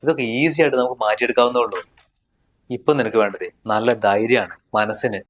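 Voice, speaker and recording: A protective young husband, acted by a man speaks quickly and firmly, indignant one moment and reassuring the next. His pitch sits mid-range, with faint music underneath. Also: lightly acted. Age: young adult. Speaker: husband and son. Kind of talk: family short film acting.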